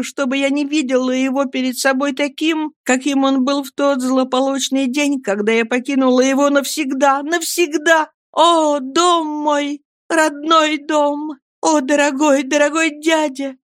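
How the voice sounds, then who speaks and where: A woman's voice: fairly high pitch, steady tone, moderate pace, hardly any pauses, a little mellow, dry recording, studio quality, pitched above the performer's own voice, close to an everyday voice. A woman reading a story aloud, voicing a desperate young woman who begs for mercy in anguish. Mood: pleading. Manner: imploring, anguished. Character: desperate pleading young woman, pale and tearful.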